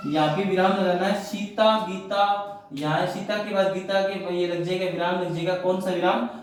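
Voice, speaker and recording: A man's voice: high voice, steady tone, fairly quick, a little hiss or hum. A man explaining a grammar lesson in a classroom style, often asking questions and answering them himself. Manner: repetitive, asks and answers his own questions. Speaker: teacher. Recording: very echoey room, mic far off.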